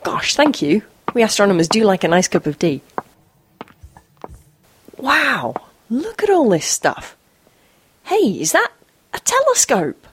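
A woman playing Meg, an earnest, curious young astronomer in a panto story, with a breathy voice. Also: medium pitch, wildly swooping pitch, unhurried, pauses often, a little hiss or hum. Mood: wonder. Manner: wide-eyed, exclaiming, curious.

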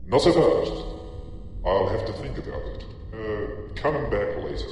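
The booming, morphing Pod. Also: male voice, expressive, measured pace, darkish tone. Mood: imperious. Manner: grandiose, booming, haughty. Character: pompous, imperious male all-powerful ruler. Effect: voice changer with heavy booming reverb. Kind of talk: comic parody sketch. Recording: echoey, hall-like voice-changer effect.

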